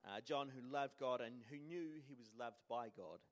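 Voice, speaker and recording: A man's voice: medium pitch, normal speed. A young man with a New Zealand accent giving an informal sermon in a casual, hesitant, self-deprecating way. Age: young adult. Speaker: church speaker giving a sermon.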